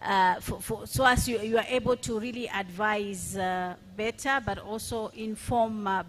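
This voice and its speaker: A woman on a conference panel, talking hesitantly into a handheld mic, with lots of pauses and restarts. Faint ambience from the hall sits behind her voice. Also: medium pitch, slight background noise. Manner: hesitant, many fillers and restarts. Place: large conference hall stage. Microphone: handheld microphone.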